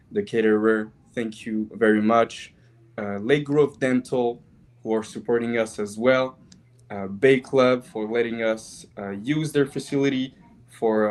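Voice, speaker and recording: Halting man reading sponsor thanks. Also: medium pitch, a little mellow. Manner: halting, heavy with fillers, reads out thank-yous. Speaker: school representative and co-host. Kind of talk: live-streamed fundraiser chat.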